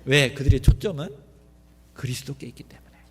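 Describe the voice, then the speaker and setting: A male pastor preaches in a church sanctuary, frequently asking the congregation questions, with the long reverb of a church hall around him. His medium-pitched voice is slightly rough, a little mellow and a little fast, with lively intonation.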